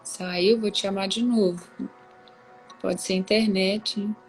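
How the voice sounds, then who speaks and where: A woman's voice: medium pitch, fairly even intonation, slow pace, faint music behind, poor audio. A woman hosting a live book reading, talking in a casual devotional way over a video call and often tagging her sentences with questions. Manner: warm, conversational, with many tag questions.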